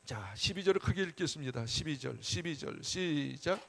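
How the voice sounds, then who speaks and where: A male pastor preaching at a Friday prayer meeting, emphatic and conversational, swinging between loud urging and soft asides. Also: on the high side, expressive, normal speed, creaky.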